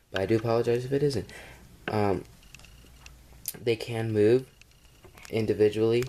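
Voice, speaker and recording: A fairly low-voiced man with a cold talks through a toy review at home. He rambles and hesitates, filling gaps with ums and uhs, and is picked up on a camera mic. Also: darkish tone, a little hiss or hum. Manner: rambling and hesitant, with many fillers. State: has a cold. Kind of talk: casual toy review vlog.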